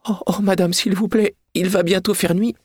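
A man's voice: animated, moderate pace, husky, no room sound, studio quality. Man doing a timid young maid. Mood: pleading. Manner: pleading, high and trembling. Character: timid young servant girl, fearful.

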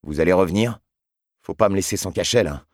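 A man's voice: deep voice, fast talker, no echo, clean studio sound. A man voicing an anxious newly jailed man who pleads nervously. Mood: pleading.

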